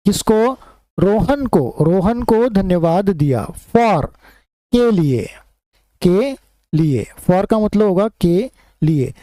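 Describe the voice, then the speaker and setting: A man teaching a spoken English lesson, reading English sentences slowly and deliberately, then explaining them quickly in Hindi. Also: sits high, dark tone, no echo, low-quality recording.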